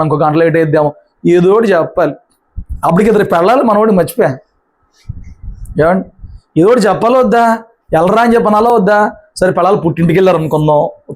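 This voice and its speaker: A pastor preaching a sermon in a colloquial, emphatic way, acting out the brothers' lines as he retells the story. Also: high-pitched.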